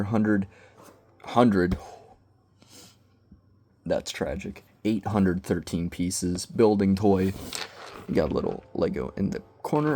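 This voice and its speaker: A man's voice: low voice, a little mellow, a little hiss or hum. A young man vlogging from his bedroom, rambling awkwardly and joking at his own expense in loose slang as he reviews a toy. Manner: awkward, self-deprecating, slangy. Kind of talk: casual rambling vlog. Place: bedroom with bookshelves.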